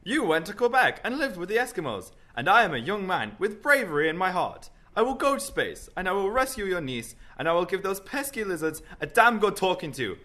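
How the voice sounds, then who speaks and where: A plucky young apprentice, played by a man, high and bright in voice. He is deferential and exclamatory, his pitch leaping about in comic radio drama fashion. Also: big pitch swings, brisk, few pauses, exaggerated voice. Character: eager, brave, deferential young male apprentice.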